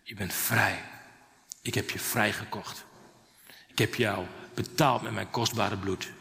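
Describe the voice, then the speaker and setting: A preacher speaking softly and tenderly as a loving divine father figure. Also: fairly low pitch, vocal fry, full character voice. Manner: soft, hushed, tender. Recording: long hall reverb.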